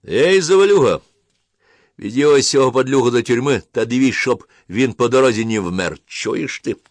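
A man's voice: medium pitch, sing-song, normal speed, no room sound, pitched above the performer's own voice. A man voicing an unflappable, grey-haired Cossack officer who gives cool, curt orders. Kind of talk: audiobook character voice.

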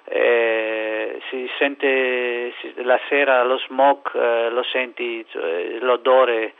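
Give a man with a Greek accent and a creaky, gravelly edge to his voice. He is a native Greek speaker, feeling for words as a radio interview guest. The sound is narrow and tinny, coming down a phone line. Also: medium pitch, level tone. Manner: halting non-native Italian, searching for words. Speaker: interview guest reporting from Athens.

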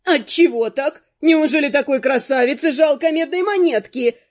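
A bold southern fortune-teller woman with slow, drawn-out, coaxing patter, as the audiobook reader puts her on. The voice sits high and rings out loudly. She sounds sly and insistent, like she won't take no for an answer. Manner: drawling, coaxing sales patter.

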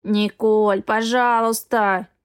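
A woman's voice: on the high side, moderate pace, lightly acted. A woman voicing a pushy, demanding young man in an audiobook. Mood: pleading. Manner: demanding and insistent. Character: pushy scheming young man, a rival suitor. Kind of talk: audiobook character reading.

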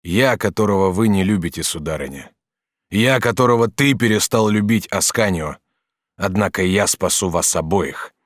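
A man reading an audiobook, voicing a noble, grieving older master artist who speaks in halting, broken phrases. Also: low-pitched, no room sound, studio quality, natural voice. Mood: grave. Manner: halting, broken, restrained sorrow.

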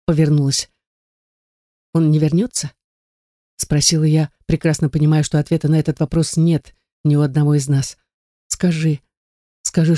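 A woman's voice: low-pitched, warm tone, no echo, studio quality. A woman narrating a first-person novel in an emotive, dramatic storytelling manner. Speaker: audiobook narrator.

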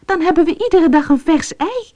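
A woman's voice: mid-range voice, very animated, moderate pace, mellow, husky, no room sound, dull audio, voice pushed up. A woman voicing a poor wife in a fairy tale, eager and exclaiming. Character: poor, practical wife who turns angry.

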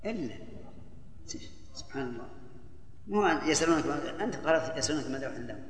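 A man's voice: mid-range voice, expressive, fast talker. An older male scholar giving a Quran lesson, quizzing his students and chiding them when they forget. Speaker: Islamic scholar teaching tafsir. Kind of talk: classroom lesson with questions to students. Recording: echoey hall, old tape lecture recording.

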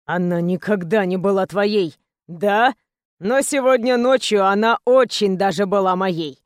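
Lady doing a low growly thug guy, swears a lot, real menacing, dry close sound. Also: measured pace, no echo, close to an everyday voice. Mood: gloating menace. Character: menacing foul-mouthed adult male gangster.

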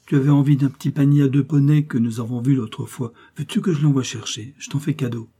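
A man's voice: mid-range voice, fairly even intonation, quick pace, mellow, slightly rough, close to an everyday voice. A man reading the lines of a sleepy, indulgent old prince who complains in a plaintive tone.

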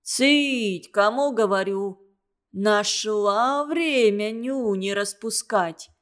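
A woman's voice: mid-range voice, a little slow, lightly acted. A woman voicing a stern but kind older caretaker in an audiobook, scolding in folksy speech with Ukrainian words. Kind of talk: audiobook character voice.

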